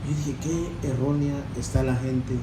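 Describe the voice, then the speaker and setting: A man's voice: medium pitch, steady tone, measured pace, background noise. A man giving a preachy testimony to a congregation, calling them brothers and asking rhetorical questions. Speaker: church member giving testimony. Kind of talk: sermon-style testimony. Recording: echoey room from far off with faint ambience.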